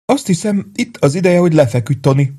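A man doing a wistful older gentleman. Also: a little high, lively intonation, slightly rough, voice pushed up. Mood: sad, chiding. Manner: soft-spoken and wistful. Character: older gentle male writer, wistful and calm.

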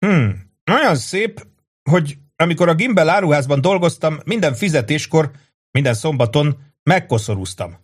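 A man reading an audiobook, voicing a loud, joking young soldier who shouts and teases his buddy. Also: fairly high pitch, expressive, husky, pitched above the performer's own voice. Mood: boastful. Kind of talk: audiobook character voice.

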